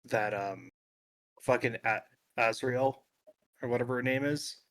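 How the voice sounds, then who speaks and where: A man's voice: medium pitch, steady tone, a little slow, fairly bright tone. A man playing a tabletop game, chatting casually and swearing offhandedly. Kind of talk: casual chat.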